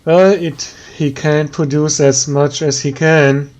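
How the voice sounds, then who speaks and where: A man with a German accent giving tired, slow let's play commentary, thinking aloud with many pauses and ums. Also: a little high, steady tone, a little mellow. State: tired, yawning. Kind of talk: relaxed gameplay commentary.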